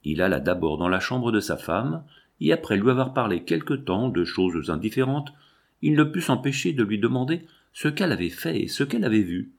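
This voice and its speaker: A man narrating a classic novel as an audiobook, in a measured, expressive reading. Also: medium pitch, creaky.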